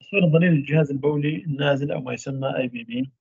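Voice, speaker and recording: A man giving a university radiology lecture, trailing off mid-phrase into drawn-out fillers. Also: fairly high pitch, steady tone, gravelly, darkish tone, slightly rough, no room sound. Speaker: medical lecturer. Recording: dull lo-fi dry recording.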